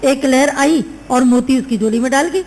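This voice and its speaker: A woman delivers a sermon and tells a moral story, acting out the voices of its people. Her voice sits high and carries a gravelly edge. She drives each point home by repeating it. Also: normal speed, a little mellow, slight background noise, low-quality recording. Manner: repeats phrases for emphasis, acts out the story's voices. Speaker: spiritual teacher.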